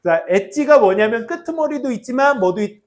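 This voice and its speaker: A man teaching an English class to high school students, mixing grammar explanations with jokes and teasing. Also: fairly quick. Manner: animated, jokey, teasing students between grammar points. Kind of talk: classroom lecture with banter.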